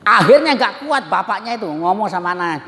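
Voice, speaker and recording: A man teaching a religious study class in a lively, joking way, often turning to address his listeners directly. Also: sits high, brisk. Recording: long hall reverb.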